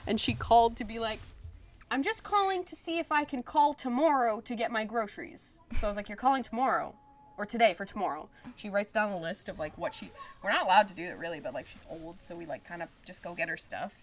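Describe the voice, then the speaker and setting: A woman's voice: medium pitch, expressive, fast talker. A woman in her twenties co-hosting a podcast, chatting casually outdoors at a cookout and imitating people from her stories. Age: 20s. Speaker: podcast co-host. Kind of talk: casual chat.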